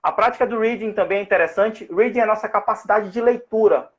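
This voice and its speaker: Over an online live call, a Brazilian host who also teaches safety-at-work English conducts an interview at a quick pace. His voice sits high with the highs cut off, and he explains didactically, often restarting and using fillers.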